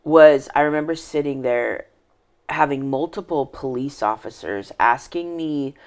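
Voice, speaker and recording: A woman's voice: a bass voice, a little slow. Earnest woman recounting her life story. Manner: earnest, reflective, trailing off and restarting. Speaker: podcast guest. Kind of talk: personal life story in conversation.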